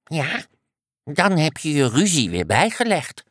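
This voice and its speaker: A woman's voice: low voice, big pitch swings, measured pace, slightly rough, no echo, studio quality, pitched above the performer's own voice, full character voice. A woman voicing a timid little duck in a children's story, meek and apologetic. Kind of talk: storybook character voice.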